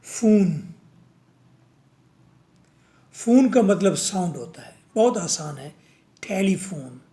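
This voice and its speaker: A man's voice: high voice, big pitch swings, slow pace, dark tone. A man teaching a vocabulary lesson, drilling words over and over and answering his own questions.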